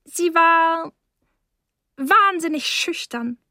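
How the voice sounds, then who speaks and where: A woman voicing a tipsy, giggly middle-aged mother with a shrill, flighty manner in a storybook reading. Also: expressive, very slow, pushed and bright, dry recording, clean studio sound, full character voice. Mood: snappish.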